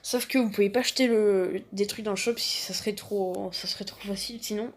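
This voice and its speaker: A woman's voice: mid-range voice, steady tone, a little fast. A woman hosting a casual game tutorial, rambling with lots of fillers and self-deprecating asides. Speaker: gaming tutorial host.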